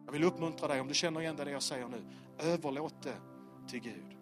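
A man preaching a sermon to a congregation in church, with rhythmic repeated phrases, swinging from full-voiced intensity to hushed lines. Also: on the high side, music in the background. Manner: impassioned, with sudden drops to a hushed voice. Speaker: pastor. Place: church service before a live congregation.

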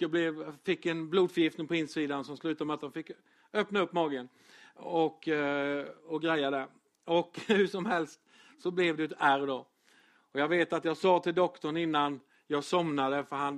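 Pastor, male, high voice, relaxed storytelling sermon with fillers. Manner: chatty storytelling with humor and fillers.

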